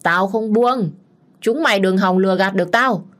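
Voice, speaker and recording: A woman voicing a crazed, jealous young man who holds a knife and threatens and taunts in a menacing, shouting way. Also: on the low side, a little slow, husky. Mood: raging.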